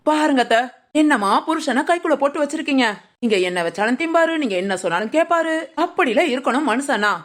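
A woman's voice: high voice, lively intonation, fast. Woman voicing a cheeky young daughter-in-law. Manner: sly, teasing, talks back. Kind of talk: cartoon voice acting.

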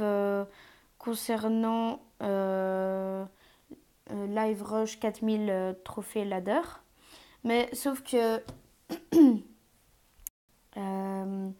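Streamer woman, mellow tone, halting live game commentary on earphone mic, fillers and odd whispered asides. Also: mid-range voice. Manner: hesitant, many fillers, drops to whispers at times.

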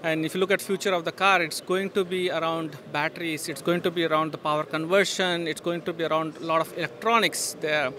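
This middle-aged man speaks a little fast with few pauses, in a slightly high, sharp voice with fairly even intonation. Fielding questions at a trade show booth as an industry guest, he stumbles through many fillers and restarts into a handheld mic while faint hall noise hums behind him.

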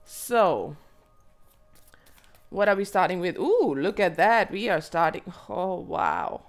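A woman with a hoarse, froggy voice from a cold, reading tarot to viewers in an unhurried, musing way and asking herself questions aloud. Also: on the low side, sing-song, faint music behind. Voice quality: froggy, croaky throat. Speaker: tarot reader and channel host. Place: indoors at a table.

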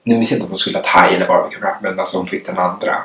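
A man's voice: low voice, steady tone, fairly bright tone. A young man vlogger telling work stories while eating, chatty and rambling with many restarts. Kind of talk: casual storytelling while eating. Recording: echoey room, mic some distance away.

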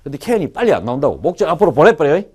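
A man teaching English to a class of students, joking and firing quick questions at them. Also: on the high side, husky. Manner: animated and joking, quizzes the class. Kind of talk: lively classroom lecture.

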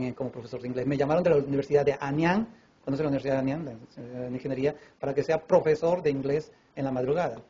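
A man from Peru with a Peruvian Spanish accent, a preacher telling a personal testimony in a sermon and acting out the dialogue. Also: mid-range voice. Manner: animated storyteller who acts out dialogue voices, with many fillers. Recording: dull lo-fi recording with faint room noise.

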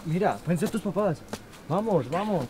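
A man's voice: sits high, lively intonation, moderate pace. A young man playing an insistent, reassuring teenage boy in an amateur horror short. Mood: coaxing. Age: young adult. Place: outdoors on paths and in an empty derelict house. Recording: very noisy amateur on-location camera audio.

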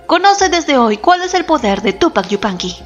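A woman voicing a gentle male Inca counselor who speaks mildly and ceremoniously, with soft music behind. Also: sits high, very animated, normal speed, voice pushed up. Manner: mild, ceremonious. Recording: slightly dull, soft background music.

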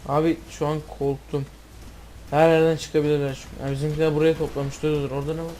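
Excitable Turkish man shouting over gunfire. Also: a little high, fast talker, slight background noise. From Turkey. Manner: excitable, swears and yells in surprise. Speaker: gamer. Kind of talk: gameplay commentary.

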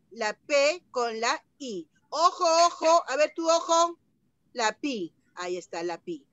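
A woman teaching young children an online lesson, sounding out syllables in a slow sing-song way, heard through a computer mic on a video call. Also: high-pitched, fairly bright tone.

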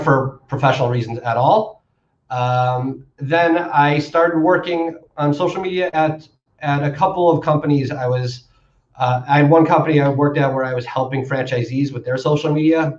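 A young man answers as an interview guest, wry and rambling with plenty of fillers. His voice sits at an average pitch. The audio is roomy and dull, typical of a lo-fi video call. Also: darkish tone. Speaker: guest, marketer.

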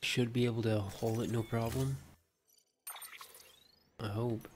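A man livestreaming a video game, casually thinking aloud in a low-key way as he plays. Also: fairly even intonation, slow. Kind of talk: casual play-by-play gameplay commentary. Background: faint game music.

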